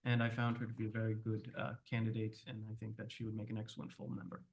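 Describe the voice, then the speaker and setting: A man serving on a town council, speaking in a measured, supportive way at the meeting. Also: on the low side, completely flat delivery, gravelly. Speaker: council member.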